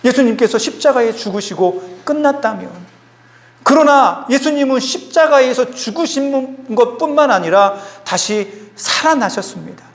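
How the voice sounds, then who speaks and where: A man preaches a sermon in a high, clear voice, emphatic and given to acting out the quotes he tells. He is recorded in a church sanctuary, where a long reverb lingers after his words. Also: animated, moderate pace. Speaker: pastor.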